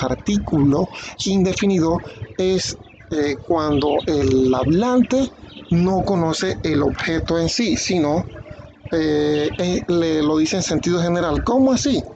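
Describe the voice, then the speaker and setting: A man giving a beginner English lesson in Spanish, saying English words slowly and then their meaning. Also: on the high side, noisy background. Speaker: English teacher.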